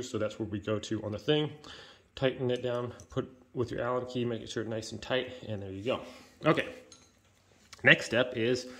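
A man with a somewhat low voice talks through a hands-on woodworking demo in an indoor workshop. He rambles, restarts and fills gaps with "um" and "uh" as he goes. The mic sits with the camera over his hands. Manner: rambling, halting, many fillers and self-corrections. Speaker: DIY woodworking channel host. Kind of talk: casual hands-on tool demonstration. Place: indoor workshop with concrete floor. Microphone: camera-mounted, hands-only point of view.

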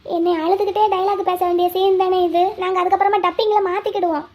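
A very high, piping voice belongs to a young village woman in a cartoon. She is wary and quick-witted, muttering her plans to herself and then sweetly coaxing the people around her. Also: flat delivery, muffled recording. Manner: talks to herself, pleading and coaxing. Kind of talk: cartoon voice acting, inner monologue and dialogue.

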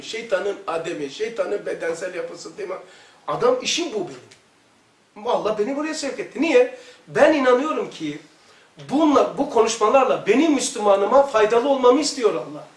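A man with a very high voice gives an informal religious lesson, spinning colloquial, joking anecdotes and laughing at his own stories. He sounds well away from the mic, and his voice rings around an echoey room. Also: expressive, normal speed, distant mic. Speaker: religious lecturer.

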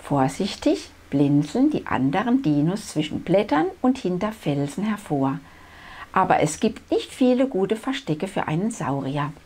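A woman's voice: lowish voice, very animated, unhurried, breathy edge. A woman reading a picture book aloud to children and chatting with them in friendly asides between the pages. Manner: warm, chatty asides to young listeners.

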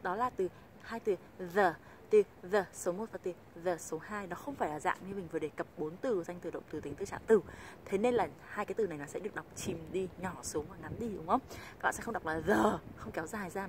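A woman from Vietnam teaching English pronunciation in a video lesson, patiently explaining and slowly modeling example sentences. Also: mid-range voice, background noise. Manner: patient, repeats example phrases slowly and clearly.

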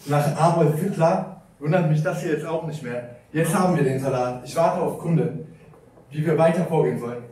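Guy reading tired bureaucrat secretary in hell, mellow voice, far away in a roomy echoey hall. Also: a little high, normal speed, a little hiss or hum, close to an everyday voice. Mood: dutiful.

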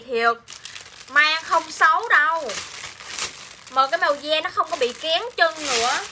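Her voice sits high, pushed and bright, with a little hiss or hum on the recording. Livestreaming a clothing sale with a Southern Vietnamese accent, she chats and repeats each line to draw viewers in.

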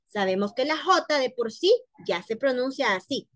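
A woman teaching French pronunciation in Spanish, repeating words slowly so students can copy them. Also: sits high, animated, fairly bright tone. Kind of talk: pronunciation lesson.

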